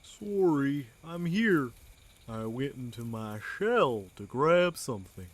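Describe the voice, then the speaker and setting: An actor voicing a gentle, generous young turtle who speaks politely and softly. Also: mid-range voice, big pitch swings, slow.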